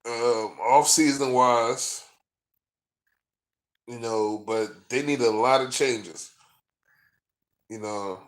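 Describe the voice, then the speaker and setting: A man's voice: mid-range voice, very slow, pauses often. A man vlogging as a sports fan, ranting in a profane, frustrated and rambling way, full of fillers. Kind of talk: casual rant to camera.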